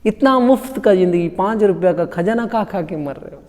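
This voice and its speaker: Preaching in Hindi, a male pastor keeps his sermon relaxed and conversational, constantly questioning the congregation. His voice is high-pitched and somewhat dark in tone, with lively intonation at normal speed, and the sound has long hall reverb.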